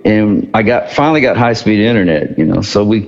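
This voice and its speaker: A middle-aged man, a guest musician, telling stories in a relaxed way and laughing often. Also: lowish voice, brisk, long reverb tail, lo-fi sound, soft background music. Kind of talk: casual storytelling interview.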